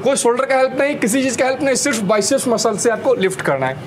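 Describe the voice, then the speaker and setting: A young man in his twenties coaching a home biceps workout on a rooftop, cueing each rep with energetic counting. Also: very high-pitched. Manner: energetic coaching, repeated "slowly slowly" and counting cues. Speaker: fitness trainer. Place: rooftop terrace outdoors. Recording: noisy outdoor rooftop recording. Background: outdoor street ambience, vehicles.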